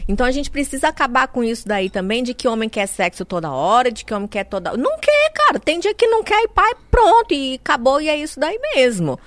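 A woman hosting a casual chat as the interviewer, telling stories in a lively, animated way. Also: sits high, fast talker, few pauses, no room sound.

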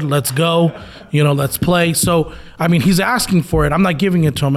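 A father in a casual conversation, speaking hesitantly and restarting as he explains his worries. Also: on the high side.

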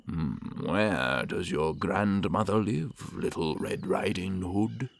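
A man voicing a wicked, sly male wolf in a storybook reading, slow and coaxing. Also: low-pitched, vocal fry, heavily acted.

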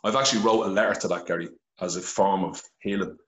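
Here a deep, steady, quick-paced and slightly bright male voice belongs to a middle-aged Irish podcast guest telling his story candidly over the phone, cursing heavily in a blunt, earnest way. The phone is held to his face, giving a roomy, rough recording with slight background noise.

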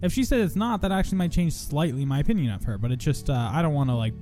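A man's voice: on the high side, expressive, quick pace, dark tone, soft background music. A young man hosting a podcast in casual chat, rambling, swearing and poking fun at himself. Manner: profane, rambling, self-mocking. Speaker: podcast host.

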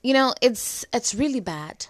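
A young woman's slightly high voice carries lively intonation at a measured pace, with no echo. She's a vlogger giving chatty, casual advice to camera, peppered with "like"s, and her voice is slightly cracked from a flu and dry cough.

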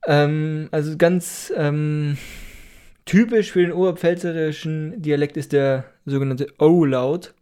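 Male podcast co-host, slightly raised pitch, hesitant explainer who teases his partner. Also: slow, warm tone, clean tone. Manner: explanatory, hesitant with many fillers, teasing. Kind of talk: casual podcast chat.

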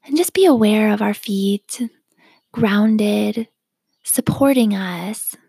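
A woman leading a guided self-awareness meditation, speaking softly and calmly with a whispery, breathy delivery. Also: mid-range voice, no echo. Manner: slow, calm, gently instructive.

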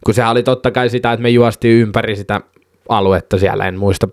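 Animated Finnish-speaking man telling a story. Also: lowish voice, dry recording, clean studio sound. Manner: animated, swearing, laughing while telling. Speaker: podcast co-host telling a story. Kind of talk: casual storytelling chat.

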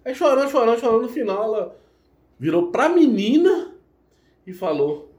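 A man's voice: very high-pitched, sing-song, a little mellow. Roomy-sounding man telling a story. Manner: emotional, halting with restarts. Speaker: podcast guest. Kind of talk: casual storytelling. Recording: roomy echo.

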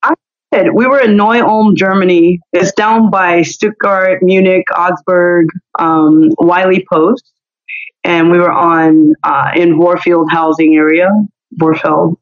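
A woman's voice: fairly low pitch, steady tone, slow. A woman in her forties, a singer, chatting as a podcast guest in a loose, rambling way. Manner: rambling, many "you know" fillers. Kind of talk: casual interview chat. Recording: slightly dull lo-fi audio.

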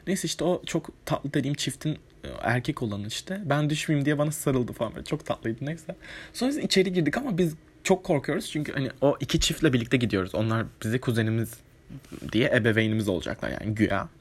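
Guy rambling through a storytime, bit husky, normal pitch, swears a lot, tons of fillers. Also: animated, fast talker. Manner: chatty, rambling, swears casually, many fillers. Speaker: vlogger. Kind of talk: casual storytime monologue.

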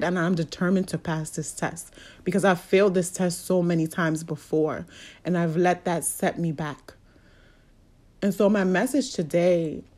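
A woman's voice: lowish voice, darkish tone. A woman speaking in a casual motivational monologue, candid and blunt, swearing freely as she preaches about faith and setbacks.

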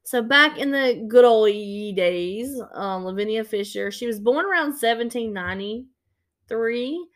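A woman's voice: fairly high pitch, lively intonation, a little slow. A woman co-hosting a podcast, casually retelling an old story with lots of fillers and restarts. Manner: rambling, filler-heavy retelling. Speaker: podcast co-host.

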